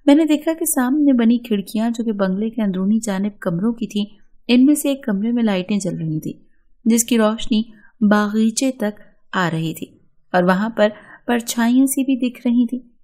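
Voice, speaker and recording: A woman with an Urdu accent narrates a first-person story in a steady, earnest read. Her voice sits a little high yet sounds mellow and warm rather than bright. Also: moderate pace.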